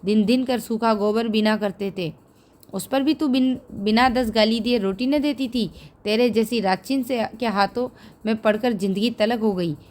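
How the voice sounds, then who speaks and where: Hot-headed young village man, shouting threats, read by a woman; storybook reading. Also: a little high, moderate pace, natural voice. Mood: angry.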